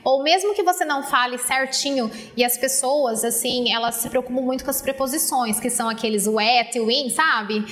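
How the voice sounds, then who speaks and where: A woman's voice: sits high, a bit bright. A woman who teaches English, talking as a guest in a casual interview in a Brazilian accent from the Paraná countryside. She speaks in an encouraging, chatty way and acts out her students' voices. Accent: Paraná countryside Brazilian Portuguese, rolled-back R.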